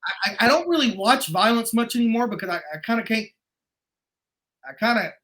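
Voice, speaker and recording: Middle-aged male guest, high voice, animated rambling storyteller. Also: fairly quick. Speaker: guest martial arts instructor. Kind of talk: casual conversation.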